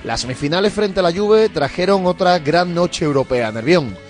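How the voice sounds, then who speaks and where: A man's voice: a little high, lively intonation, normal speed. A man from reading scripted sports documentary narration. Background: music bed.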